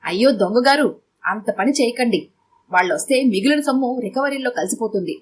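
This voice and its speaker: A woman's voice: a little high, a little fast, a little hiss or hum, lightly acted. A woman narrator voicing a stubborn, shrewd, money-minded wife. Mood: stubborn firm.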